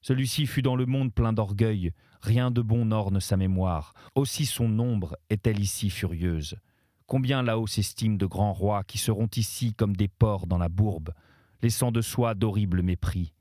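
A man's voice: lowish voice, unhurried, mellow, no room sound, clean studio sound, natural voice. A man reading as a grave ghostly poet-guide. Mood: solemn. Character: stern wise male guide, a poet's ghost. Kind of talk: audiobook-style literary reading.

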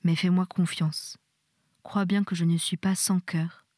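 Woman, literary reading, soft and intimate, low voice, dry close sound. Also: flat delivery, a little slow, no echo. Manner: soft, intimate, drops to a whisper in tender passages. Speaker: reader. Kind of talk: audiobook reading of a novel.

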